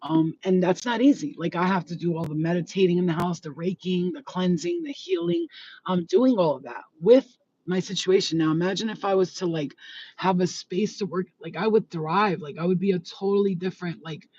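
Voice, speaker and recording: A woman's voice: on the low side, animated, fairly quick, warm tone. Blunt profane New woman in her forties. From New York. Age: 40s. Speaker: spiritual healer and reader. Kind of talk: casual rant to viewers. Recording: slightly dull, faint background noise.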